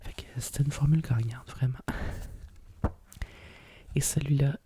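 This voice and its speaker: A middle-aged woman with a Quebec French accent whispers softly and breathily in a nostalgic, rambling ASMR style, like a hushed library whisper. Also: a bass voice, moderate pace, slight background noise. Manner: hushed, nostalgic rambling with frequent conversational tags. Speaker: ASMR host. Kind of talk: whispered ASMR chat about vintage books.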